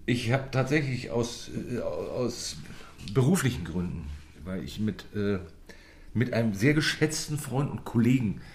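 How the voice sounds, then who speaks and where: Halting low-voiced German man. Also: animated. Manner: hesitant, many fillers and restarts. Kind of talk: casual chat.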